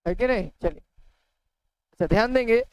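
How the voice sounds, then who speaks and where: A male teacher leads an online grammar lesson, slowly dictating notes and repeating each phrase as he writes. His voice is smooth and resonant. The recording is close and dry, with no room sound. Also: very high voice, darkish tone, dry recording, highs cut off. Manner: repeats phrases slowly while writing, asks tag questions.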